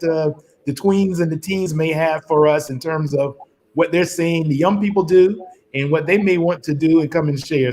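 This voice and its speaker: A man performs a slightly high-voiced co-host welcoming a child reader. His voice comes through a crackly, staticky call line with hiss and clicks. He talks casually and encouragingly. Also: darkish tone. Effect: crackly, staticky phone-like line. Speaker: co-host of a virtual reading event. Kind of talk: casual online event hosting.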